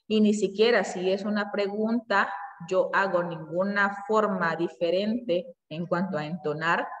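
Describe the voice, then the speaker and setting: A woman teacher giving a classroom lecture, explaining step by step and answering her own questions. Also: medium pitch. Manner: self-corrects with fillers. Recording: echoey room, voice from far off.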